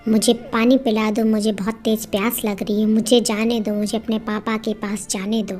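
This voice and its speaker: A woman's voice: a little high, level tone, moderate pace, darkish tone, natural voice. A woman voicing a mistreated young wife who pleads at times and defies her husband at others. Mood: pleading. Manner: pleading and defiant. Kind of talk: storytelling with acted dialogue.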